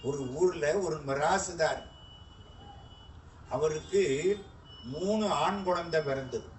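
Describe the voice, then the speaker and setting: A man's voice: a little high, takes it slowly. A man giving a devotional discourse, telling stories, acting out dialogue and asking the audience questions. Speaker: religious speaker. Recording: echoey hall from a distant mic, faint noise.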